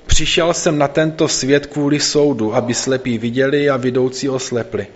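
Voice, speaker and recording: A man reading the words of Jesus, calm and low, in a slightly dull recording. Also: natural voice. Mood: solemn. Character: calm male teacher, Jesus, solemn.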